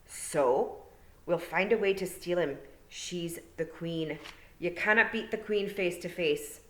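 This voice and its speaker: Casting: a feisty tiny male pixie chief, gruff and bossy, put on by a low-voiced woman reading aloud. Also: takes it slowly, a bit bright, echoey room. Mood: matter-of-fact.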